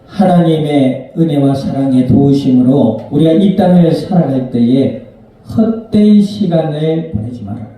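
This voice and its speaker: Male pastor, a bit high-pitched, mellow tone. Chatty sermon style, asks the room questions. Far-off mic in a very reverberant church. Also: measured pace. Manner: conversational preaching, asking the congregation questions and acting out little scenes. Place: church sanctuary. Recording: very echoey church hall, mic at a distance.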